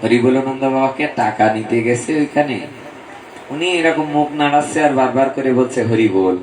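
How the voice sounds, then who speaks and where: A man's voice: medium pitch, steady tone, normal speed, darkish tone, slight background noise. A man with a Bangladeshi Bengali accent reciting a devotional story as a sermon, in a sing-song preaching manner with chanting. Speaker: Bhagavata reciter. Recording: echoey room, distant mic.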